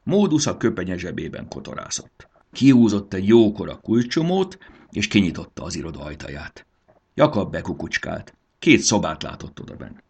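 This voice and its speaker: A man narrating a storybook in an expressive, sing-song telling. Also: low voice, breathy edge.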